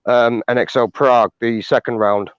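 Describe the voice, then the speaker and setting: A man from the UK speaks in an earnest, measured way, with an "um" now and then. The sound is dry and muffled, close to lo-fi. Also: mid-range voice, little pitch movement, clean tone, no room sound. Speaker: guest. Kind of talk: casual chat.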